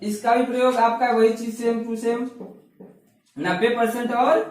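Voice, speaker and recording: A man's voice: very high-pitched, level tone, a little slow, a little mellow. A man teaching an English grammar lesson, repeating key words and asking and answering his own questions. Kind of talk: classroom lesson explaining articles. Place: classroom. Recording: very echoey room, voice from far off.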